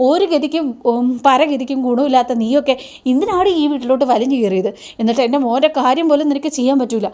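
High sharp scolding mother-in-law read by a woman, scornful and nagging. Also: quick pace, natural voice. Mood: berating. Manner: scornful, berating. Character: harsh scolding middle-aged mother-in-law.

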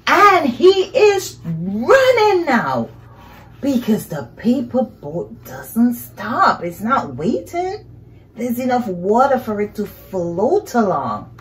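Slow and very animated, a woman's voice on the high side reads to young children, with a little hiss or hum in the background. She's middle-aged, sitting on a couch in a small living room, improvising a picture-book narration full of questions and exclamations.

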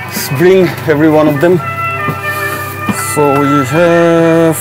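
A man's voice: on the high side, steady tone, slow pace, music in the background, poor audio. A man on a travel vlog who explains each step of a train trip to viewers as he goes. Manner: strains and groans while lifting heavy bags. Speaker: travel vlogger. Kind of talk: casual travel vlog narration. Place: outdoors, in a car and at a train station. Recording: loud street and traffic noise.

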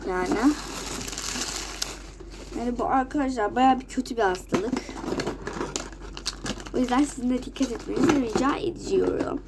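Heavy background noise surrounds a teenage girl vlogging from home right after getting out of bed, sick with a cold, coughing, and with a runny nose. Her voice is on the high side at normal speed, and she pauses often while chatting repetitively to her friends.

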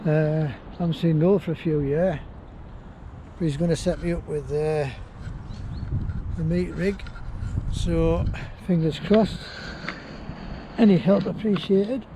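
A man's voice: a little high, steady tone, takes it slowly, long pauses, noisy background. A man vlogging a fishing trip from a riverbank, chatting casually and rambling with fillers. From northern England. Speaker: angling vlogger. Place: riverbank outdoors. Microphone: action camera.

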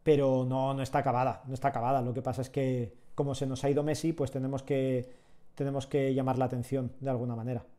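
A man from Catalonia, Spain teaches 3D sculpting live from a small home room, relaxed and chatty as he answers viewers' chat while working. He's a fast talker with a mid-range voice.

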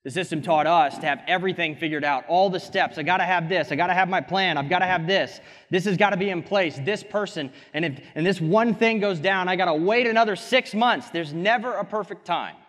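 A young man giving an energetic motivational keynote on a conference stage through a headset mic. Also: sits high, fairly quick, few pauses. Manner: energetic, gesturing, quips at co-speaker. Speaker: keynote speaker. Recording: hall reverb from a conference stage.

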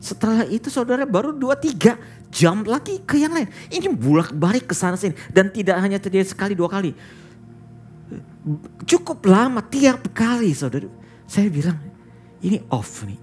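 Male pastor, sermon, storytelling, lively swooping pitch, faint music behind. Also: moderate pace. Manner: storytelling, often addresses listeners as "saudara"; mixes English words into speech.

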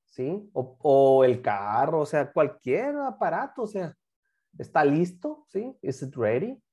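A woman, an English teacher giving a class to children, repeating example phrases slowly and quizzing her students. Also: sits low, sing-song, dark tone. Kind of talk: online class teaching English grammar to kids.

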